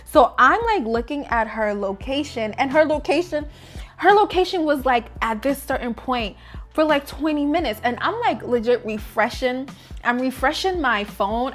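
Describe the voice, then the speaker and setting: A young woman vlogger chatting casually through a story, full of fillers and acting out her own thoughts. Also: fairly high pitch. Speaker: beauty vlogger. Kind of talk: casual storytime while doing makeup.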